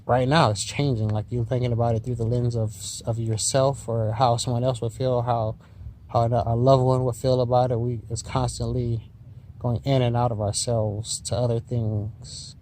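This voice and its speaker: With a dark, medium-pitched voice and flat delivery at normal speed, a vlogger high on mushrooms muses to the listener. His philosophical talk drifts, repeats and sounds spaced out, over noisy vehicle-like background sound.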